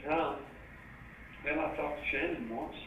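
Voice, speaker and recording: A man, an inmate speaking to his mother on a prison phone line, halting and mumbling. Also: a little high. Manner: mumbled, halting, flat delivery. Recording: distant, echoey, noisy phone recording.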